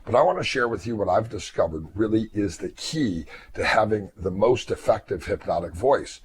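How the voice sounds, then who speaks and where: Earnest low-voiced male hypnotist. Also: expressive, normal speed, husky. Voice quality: voice weakened after throat surgeries. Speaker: hypnotist and therapist. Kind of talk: reflective talk to fellow hypnotists.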